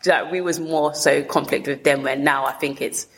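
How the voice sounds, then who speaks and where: A woman with a low voice and a south London accent speaks candidly as an interview guest. She talks colloquially, in short bursts, often rewording as she goes. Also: fairly even intonation, moderate pace. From south London, England. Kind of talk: candid personal storytelling in an interview.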